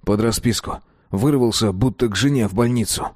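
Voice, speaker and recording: A man's voice: fairly low pitch, moderate pace, a little mellow, dry recording, clean studio sound, lightly acted. A man reading the part of an anxious factory crook who pleads and turns menacing when cornered. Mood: worried. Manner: worried, pleading, agitated.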